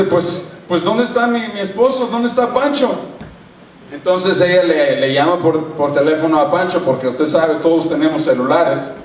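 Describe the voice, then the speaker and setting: A man preaching a sermon in a church, a lively, joking speaker who tells funny stories and calls on the congregation. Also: on the high side, far from the mic, a little hiss or hum. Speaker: pastor. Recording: echoey church hall, mic from afar.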